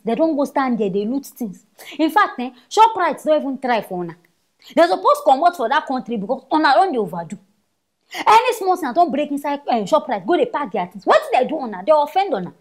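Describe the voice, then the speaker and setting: A woman with a Nigerian accent giving casual, scolding commentary as a vlogger. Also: high voice. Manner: animated, scolding.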